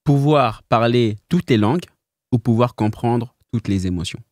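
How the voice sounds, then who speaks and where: A man's voice: mid-range voice, moderate pace, a little mellow, dry recording, studio quality. A man interviewing a guest casually on a podcast, putting short questions.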